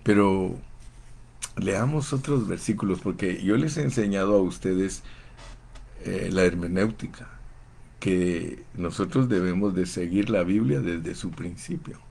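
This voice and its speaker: Slow, gravelly-voiced fervent preacher man. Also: sits low, a little mellow. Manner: fervent, slow and emphatic, addresses listeners as brother. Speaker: pastor. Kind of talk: sermon.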